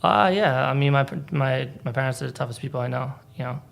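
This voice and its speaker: Speaking quickly in a gravelly, mid-range voice, this young Boston man, a native Polish speaker, is a stand-up comedian guest. He rambles through stories in loose conversation, stumbling over restarts and leaning on fillers.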